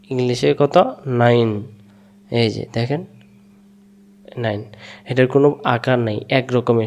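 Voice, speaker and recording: A man teaching Quranic Arabic letter pronunciation, repeating syllables slowly and patiently so learners can echo them. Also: mid-range voice, darkish tone.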